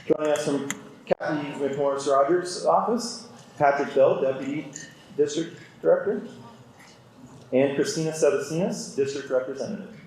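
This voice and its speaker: Man, podium microphone, event emcee, steady formal announcing, booming hall reverb. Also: moderate pace, slight background noise. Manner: steady, announcing lists of names. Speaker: chamber of commerce president and event emcee. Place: large indoor event hall. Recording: echoey hall PA sound.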